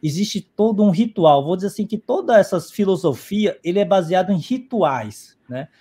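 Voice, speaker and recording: A man's voice: high voice, animated, moderate pace, mellow, husky. A man speaking as a guest on a live stream, explaining at length and often adding "né?" and restarting his sentences, over a video call microphone. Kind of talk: explanatory talk.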